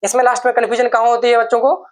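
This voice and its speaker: Man teaching, dictating notes slowly. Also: very high-pitched, monotone. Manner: dictates slowly, repeating words for students to note down; asks questions and answers them himself. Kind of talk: classroom lecture.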